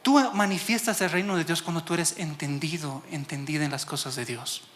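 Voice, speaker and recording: A man preaching a sermon, his voice bright and forceful. He keeps throwing rhetorical questions at the congregation and laughs easily while telling stories. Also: a little high, a little fast.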